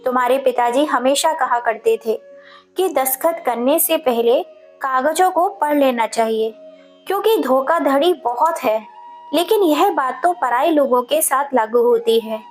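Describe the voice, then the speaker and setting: Woman doing a gentle elderly mother, high voice. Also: a little slow, soft background music.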